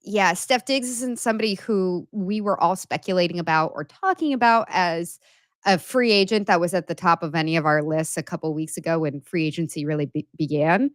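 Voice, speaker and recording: Woman breaking down football news on a podcast, measured, dry sound. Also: lowish voice, no echo. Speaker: podcast co-host and writer. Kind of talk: casual sports podcast chat.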